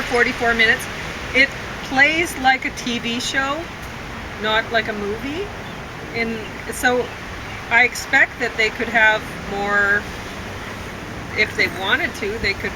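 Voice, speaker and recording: A film reviewer with a slightly high voice talks through movies in a casual, unscripted chat, rambling and often correcting herself along the way. The audio is very noisy.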